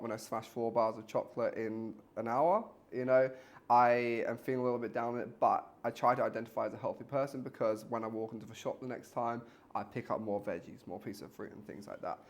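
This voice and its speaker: A man's voice: mid-range voice, fairly even intonation, brisk. A man co-hosting a fitness podcast in a casual, talkative chat that sometimes speeds up and includes casual swearing. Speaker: podcast co-host, fitness trainer.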